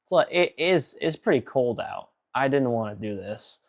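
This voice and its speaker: A man's voice: mid-range voice, expressive, normal speed, gravelly. A man giving casual director's commentary on his own old video, rambling and self-critical with many fillers.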